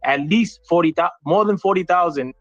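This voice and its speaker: A man from the United States making a point on a political call-in panel, halting and restarting with lots of fillers. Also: sits high, no echo, muffled recording. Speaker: panel caller. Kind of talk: heated political debate.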